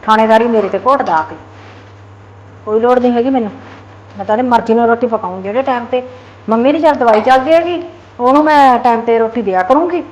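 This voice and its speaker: An actress playing a sharp-tongued sister-in-law who scolds with sarcasm. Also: female voice, on the high side, fast, lo-fi sound, close to an everyday voice. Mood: scolding. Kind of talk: Punjabi short film acting.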